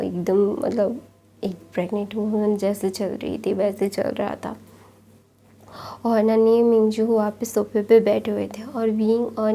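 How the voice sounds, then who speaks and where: A woman's voice: medium pitch, creaky, dark tone. A woman casually retelling a fan fiction story in a chatty way, full of small fillers. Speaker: story narrator.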